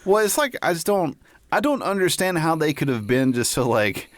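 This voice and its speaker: A man's voice: a little high, sing-song, normal speed, no echo. A man co-hosting a podcast, talking in a rambling, profane way with many "like"s. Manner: rambling, frequent "like", laughing, profane. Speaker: podcast co-host. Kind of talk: casual chat.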